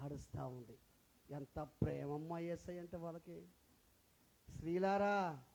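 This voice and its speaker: A man's voice: very high voice, low-quality recording. A male pastor preaching an Easter sermon in a church, repeating phrases and firing questions at the congregation.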